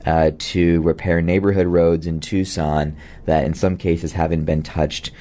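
A man hosting a local radio talk show, chatting casually with a gravelly voice and plenty of fillers. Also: sits low, measured pace. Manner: relaxed, many fillers, reads out numbers.

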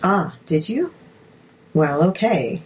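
A woman voicing a gentle, friendly male doctor in a read-aloud story, making easygoing small talk. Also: deep voice, animated, a little slow.

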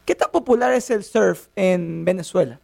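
Man, radio host, high-pitched, gravelly, upbeat announcer style, studio. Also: moderate pace, a little mellow. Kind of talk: radio interview hosting.

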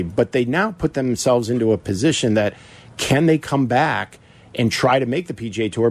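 An American man co-hosting sports talk radio, with measured, wordy commentary and questions. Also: medium pitch, a little mellow.

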